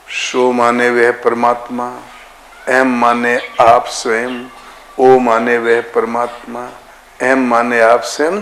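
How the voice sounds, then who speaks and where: A man giving a devotional discourse as a spiritual teacher, slow and deliberate, drawing out chanted syllables. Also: medium pitch, fairly bright tone. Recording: echoey room with faint ambient noise.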